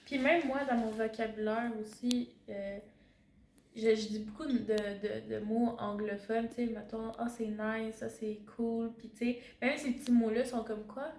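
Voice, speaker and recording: A woman's voice: fairly high pitch, steady tone, measured pace, a little mellow, slight background noise. Roomy-sounding young Québécois woman. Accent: Québécois French. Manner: hesitant, searching for words, many fillers. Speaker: student teacher. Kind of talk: casual reflective chat. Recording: roomy echo.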